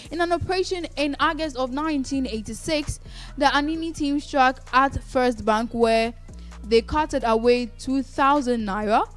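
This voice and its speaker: Higher-pitched woman narrating over music. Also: moderate pace. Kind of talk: scripted documentary narration. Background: background music.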